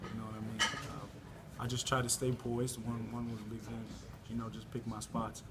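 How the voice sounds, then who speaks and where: A young male basketball player answering postgame questions in a crowded locker room, relaxed and often adding "man" and "you know". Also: mid-range voice, normal speed, background noise. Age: young adult. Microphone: reporters' recorders and camera mics held close. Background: loud crowd chatter.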